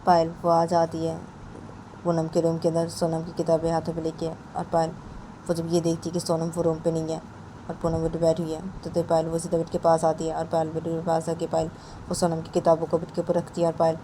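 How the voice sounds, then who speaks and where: A woman's voice: sits low, completely flat delivery, brisk, noisy background. A woman narrating a homemade story in a rambling, repetitive way.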